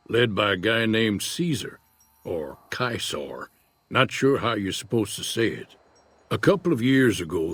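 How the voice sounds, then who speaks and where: A husky old prospector, slow and folksy. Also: male voice, deep voice, heavily acted. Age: older. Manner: unhurried, folksy drawl. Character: weathered old male prospector, laid-back and wary. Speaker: retired prospector in a frontier town. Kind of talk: video game dialogue.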